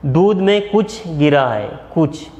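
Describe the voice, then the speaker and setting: A male school teacher with a Marathi accent, giving a grammar lesson and repeating each example slowly, step by step. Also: on the high side, lively intonation, a little mellow. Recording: echoey room with long reverb.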